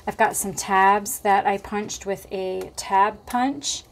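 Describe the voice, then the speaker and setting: Sitting at her table, a woman hosts a casual crafting tutorial, chatting and thinking aloud with plenty of fillers. Her slightly hoarse voice is medium-pitched and steady, and she speaks slowly over slight background noise.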